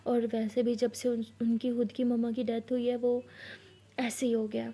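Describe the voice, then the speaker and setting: A woman's voice: a little high, level tone, dark tone. A woman voicing subdued young wife Ramsha. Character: troubled young wife and mother, reserved.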